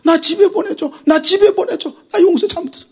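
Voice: very high voice, brisk, voice pushed up. A preacher acting out a young man who begs desperately through tears, repeating his pleas. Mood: tearful pleading. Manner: crying, begging, repeating pleas.

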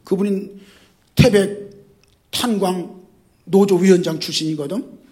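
Middle-aged guy preaching, high voice, acts out yelling then drops to hushed bits. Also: unhurried. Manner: lively, acts out shouted quotes, switches to hushed asides. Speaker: pastor. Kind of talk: sermon with storytelling.

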